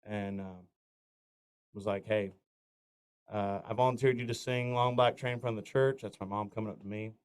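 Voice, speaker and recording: He's a north Florida country singer telling drawn-out stories in a casual interview, with plenty of fillers and restarts. The voice is lowish and clean, fairly even in intonation, at a normal speed with frequent pauses.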